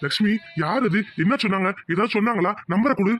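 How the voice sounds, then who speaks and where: A man's voice: high voice, fast talker, fairly bright tone. A man voicing a protective elder brother in a cartoon, firm and reassuring. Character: protective elder brother, village head of family. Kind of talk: cartoon voice acting.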